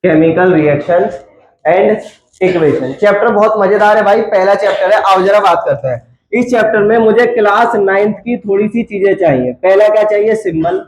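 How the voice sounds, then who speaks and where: Male teacher, high voice, chatty lecturer who quizzes the class; roomy echo. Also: moderate pace. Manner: chatty, coaxing, quizzes students. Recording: echoey classroom.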